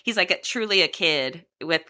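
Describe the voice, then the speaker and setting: A woman co-hosts a casual podcast, recapping a film with lots of energy. Her voice sits a little low but rings bright and forceful. She keeps slipping into quick voices for the characters as she retells scenes. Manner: animated, acts out characters' lines in quick voices. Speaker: podcast co-host.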